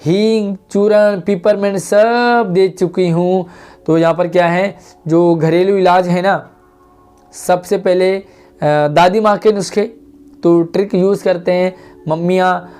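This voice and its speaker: A man's voice: high-pitched, flat delivery, unhurried, a little mellow, soft background music. A man teaching a Hindi lesson to schoolchildren, patiently reading lines of a play aloud and then explaining them.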